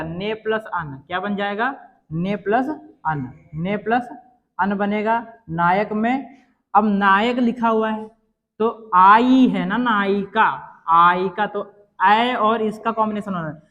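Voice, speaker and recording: A man teaching a grammar lesson, sounding out words slowly and asking the viewer whether they understood. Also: high-pitched. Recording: dull lo-fi sound.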